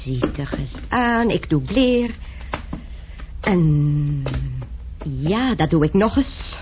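This radio drama features a young man voicing a young gambler-duelist, pitched fairly high and delivered in a very animated, exaggerated way. The character speaks with unhurried, dry mockery, and the recording is lo-fi and tinny with hiss.

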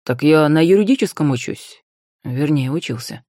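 A woman's voice: deep voice, expressive, moderate pace, mellow, dry recording, studio quality. A woman voicing the ghost of a young man who talks in a casual, slangy, eager way for an audiobook. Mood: lively. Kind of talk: audiobook character voice.

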